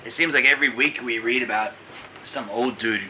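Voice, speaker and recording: A man's voice: medium pitch, brisk, sharp tone, soft background music, low-quality recording. A man in his thirties from Australia, a podcast guest chatting casually in a laid-back, blunt way. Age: 30s. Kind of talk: casual chat.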